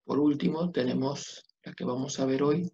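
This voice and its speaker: This Biblical Hebrew teacher has a gravelly, dark, mid-range voice with fairly even intonation and a normal speed. Standing at a whiteboard, he patiently confirms understanding through brief tag questions, captured in dull lo-fi classroom audio.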